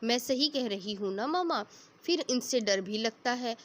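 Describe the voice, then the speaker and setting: A chatterbox young girl, teasing and bossy in a playful way, read by a woman narrator. The voice sits a little high, in a plain storybook reading. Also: animated, measured pace, a bit bright.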